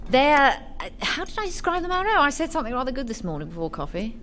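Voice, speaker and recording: A tough, elegantly witty captain from an animated film. Her voice is fairly high and swings expressively, hard-hearted and dry, over faint noise. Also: fast. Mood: brisk, witty.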